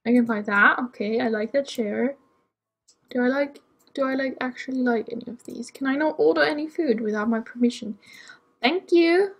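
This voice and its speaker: A woman's voice: high voice, moderate pace, breathy edge. A young woman casually chatting through her game as she plays, rambling and talking to herself with lots of ums. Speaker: let's play gamer. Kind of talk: casual gameplay commentary.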